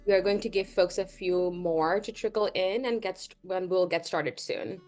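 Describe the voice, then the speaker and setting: A woman from Bangladesh, leading an online workshop in an earnest, measured way with frequent "um" pauses, heard over a video call. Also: on the low side, a little mellow, soft background music. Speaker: workshop facilitator.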